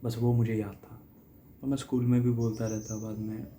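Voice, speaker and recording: A man's voice: on the low side, little pitch movement, normal speed, dark tone, slight background noise. A young man from Haryana, India, recalling in a casual, reflective way how a writer shaped his life, with small laughs and restarts. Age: young adult. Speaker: guest reader sharing a personal story. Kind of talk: casual personal storytelling.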